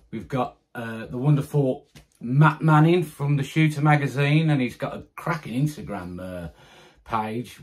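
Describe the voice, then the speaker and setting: A middle-aged British man talking casually to camera about his airgun group, chatty and enthusiastic, with many fillers and restarts. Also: medium pitch. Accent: British English. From United Kingdom. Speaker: airgun community group founder. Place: small indoor room with guns on the wall. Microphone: camera close in front.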